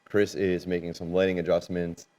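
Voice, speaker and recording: A man's voice: low voice, monotone, moderate pace, mellow. A man co-hosting a casual live-stream chat, teasing his partner and switching between bursts of hype and mumbled asides. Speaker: co-host.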